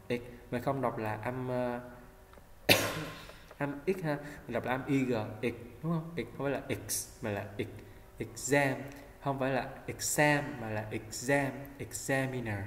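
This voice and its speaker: A male English teacher, speaking at a middle pitch and carefully repeating each word for the class to copy. His voice rings through a roomy space with a long, hall-like echo. A faint hum sits behind him. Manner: patient, repeats words slowly to model pronunciation. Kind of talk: vocabulary lesson. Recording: echoey room with faint hum.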